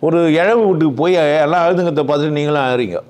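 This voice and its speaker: A man's voice: fairly high pitch, very fast, darkish tone. Blunt man lecturing with rhetorical questions. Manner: blunt, teasing, asks the audience questions and answers them himself. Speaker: speaker at a spiritual gathering.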